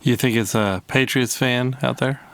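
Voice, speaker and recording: A man's voice: mid-range voice, steady tone, normal speed, vocal fry, a bit bright, clean tone. A man from Ohio co-hosting a podcast, chatting casually and dropping dry, teasing one-liners. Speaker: podcast co-host, musician. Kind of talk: casual chat.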